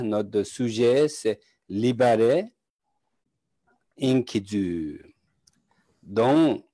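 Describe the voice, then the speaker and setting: A man with a Tibetan accent gives a calm Buddhist teaching at an unhurried pace, piecing his words together in short, halting phrases. His voice is mid-pitched and recorded close and dry, with no room sound around it. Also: no room sound. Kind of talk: slow teaching talk in broken French.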